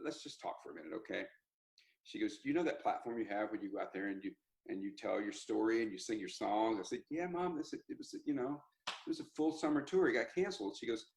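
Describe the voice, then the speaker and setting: Animated man telling a story. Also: fairly low pitch, vocal fry, low-quality recording. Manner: animated, rambling with restarts and laughs. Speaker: country singer, interview guest. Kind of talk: casual interview storytelling.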